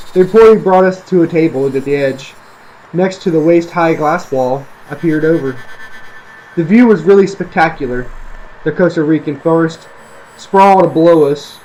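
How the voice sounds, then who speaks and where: A storyteller and online video creator reads a creepy story aloud as scripted narration for online listeners. His voice is a little high and a little mellow, and the rough recording has faint background noise.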